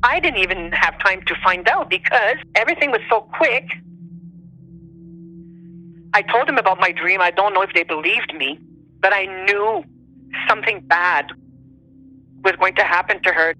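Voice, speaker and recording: A woman's voice: medium pitch, lively intonation, normal speed, pauses often, bright, forceful tone, low-quality recording. A woman who is not a native English speaker tells personal stories conversationally, searching for English words as if translating in her head. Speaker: interview guest telling personal stories.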